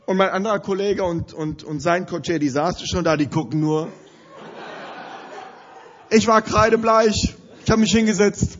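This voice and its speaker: A man preaching, telling a funny story in an animated, often laughing way before citing scripture. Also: sits high, normal speed, long pauses, lo-fi sound, slight background noise. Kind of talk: story-driven sermon.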